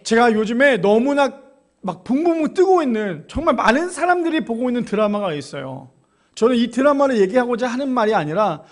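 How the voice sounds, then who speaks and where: A man in his thirties preaching a sermon as pastor, talking directly to the congregation and growing emotional as he makes his point. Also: very high-pitched. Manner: emotional, rising to loud exclamations when quoting God.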